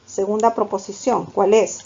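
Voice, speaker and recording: A woman's voice: medium pitch, fairly even intonation, moderate pace, gravelly, dark tone, breathy edge, highs cut off. A woman teaching a grammar lesson to students, calling them "chicos" and asking questions she then answers herself. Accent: Peruvian Spanish. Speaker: language teacher. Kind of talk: classroom lecture.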